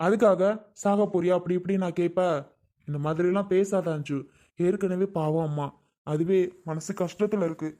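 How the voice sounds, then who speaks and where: A woman's voice: fairly low pitch, fairly even intonation, normal speed, mellow, lightly acted. A woman playing a worried grown son who pleads with and scolds his sister in a family skit. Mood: scolding.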